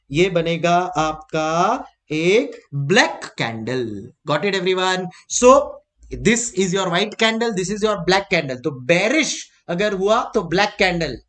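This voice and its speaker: A man gives an exam-prep lecture at a brisk, lively clip. He drills each point by repeating it and speaks to his students with fatherly warmth, calling them "beta". His voice sits fairly high for a man. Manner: lively, mixes English into Hindi, repeats key points, calls students "beta". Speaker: teacher.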